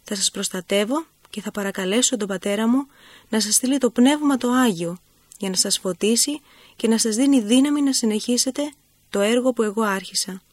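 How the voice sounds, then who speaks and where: Christ, grave and gentle, read by a woman. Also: fairly high pitch, no echo, lightly acted. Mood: solemn. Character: Christ, a gentle, grave grown man teacher.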